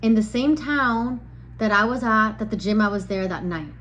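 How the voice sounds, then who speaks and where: A woman's voice: mid-range voice, moderate pace, a bit bright, a little hiss or hum, rough recording. Chatty exasperated young woman. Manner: chatty, exasperated, lots of filler "like". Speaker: vlogger. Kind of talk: casual storytelling.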